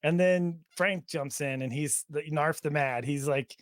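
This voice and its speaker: A man with a fairly high speaking voice hosts a fan podcast in loose, casual chat. He rambles through plenty of fillers and laughs often as he walks listeners around an online community. The sound is dry and close, with no room around it. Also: unhurried, no room sound. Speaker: podcast host. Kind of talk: casual chat while touring a chat server on screen.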